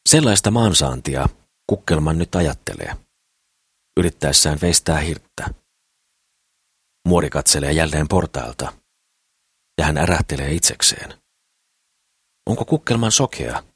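A man reads a novel aloud with a measured, even delivery. His voice sits extremely low and sounds husky, captured dry on a close studio mic. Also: no echo. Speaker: audiobook narrator. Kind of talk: scripted narration.

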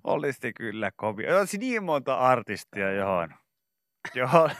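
A man co-hosting a morning radio show, talking in a bright, forceful tone. His voice is smooth and crisp, recorded dry and close in the studio. He banters casually and jokes around. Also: mid-range voice, sing-song, no echo. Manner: jokey, sings and shouts song intros.

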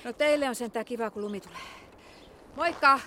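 A friendly neighbor, radio play, high voice, noise behind. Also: female voice, bright, forceful tone.

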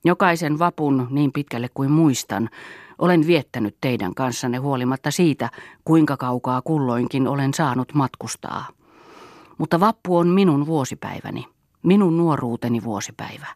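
A man's voice: medium pitch, darkish tone, dry recording, clean studio sound, close to an everyday voice. A man voicing an older male veteran reveler who gives a solemn, sentimental toast.

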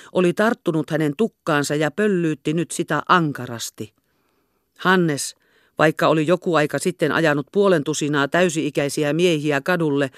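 A woman reading a classic novel aloud in a measured, expressive way. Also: sits low, no echo, clean studio sound. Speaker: audiobook reader. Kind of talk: literary narration.

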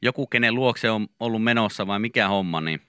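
A man's voice: fairly low pitch, smooth, no echo, clean studio sound. A man co-hosting a morning radio show, chatting casually and rambling through his stories with lots of fillers. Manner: rambling, relaxed, many fillers. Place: radio studio. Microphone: studio microphone.

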